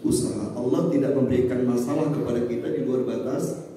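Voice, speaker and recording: Male Indonesian preacher, dark mellow tone, storytelling sermon, recorded from afar. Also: mid-range voice, steady tone, a little fast. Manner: storytelling, constantly addressing the congregation with "Pak, ya". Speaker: ustadz preacher. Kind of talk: mosque study sermon. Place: mosque hall. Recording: echoey hall from far off, faint noise.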